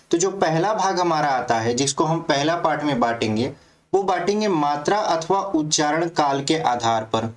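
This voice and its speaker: A man teaching a grammar lesson for exam prep, explaining step by step and often checking that students follow. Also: on the high side.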